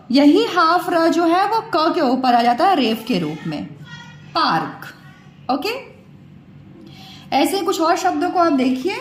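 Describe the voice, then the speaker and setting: A woman teaching Hindi spelling, patiently explaining and repeating words as she questions her pupils. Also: extremely high pitch. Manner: slow, repeats words and asks the class questions. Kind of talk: patient classroom explanation to children. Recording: echoey room.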